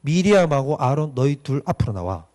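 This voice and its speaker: A man acting out God as a calm, stern voice rebuking two siblings. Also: a little fast. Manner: calm, low and scolding.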